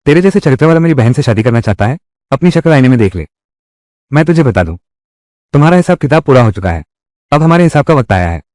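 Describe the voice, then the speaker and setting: A man's voice: mid-range voice, big pitch swings, fast talker, pauses often, darkish tone, dry recording, studio quality, lightly acted. A man dubbing a cocky poor village youth. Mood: cold. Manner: scornful, challenging taunts. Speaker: voice actor. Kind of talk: Hindi drama dubbing.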